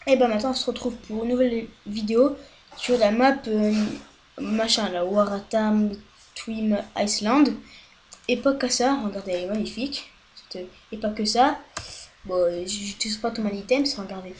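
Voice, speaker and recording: A woman talks her way through a home game session into a headset mic, loose and rambling, letting swear words slip and then apologizing. Her voice sits at a middling pitch with faint noise in the background. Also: normal speed, darkish tone. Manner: chatty and rambling, swears often, apologizes a lot. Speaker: gaming video host. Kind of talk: casual let's-play commentary. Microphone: headset microphone.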